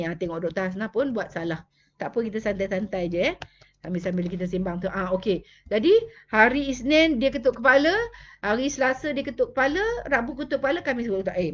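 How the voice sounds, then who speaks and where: A woman's voice: medium pitch, a little hiss or hum. A Malaysian woman hosting a casual live stream on child behavior, chatting with viewers and mixing in English words. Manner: chatty, answers viewer comments, mixes in English. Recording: dull lo-fi live-stream audio.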